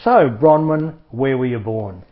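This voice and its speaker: A man's voice: medium pitch, measured pace. Formal male community radio interviewer. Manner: formal, effusive introductions. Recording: dull lo-fi radio recording.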